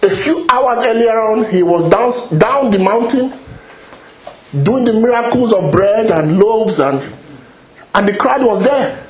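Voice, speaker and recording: Man, preacher, high voice, animated sermon, frequent hallelujahs, echoey hall. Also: a little slow, a little hiss or hum. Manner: animated, exclaims hallelujah and praise God often; repeats and restarts phrases.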